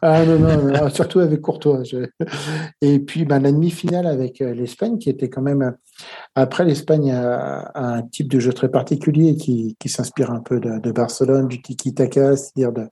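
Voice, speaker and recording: Male pundit, mellow and a bit husky, halting tactical chat. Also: mid-range voice, fairly even intonation. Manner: hesitant, many filler sounds. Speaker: football co-commentator. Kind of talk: casual match commentary.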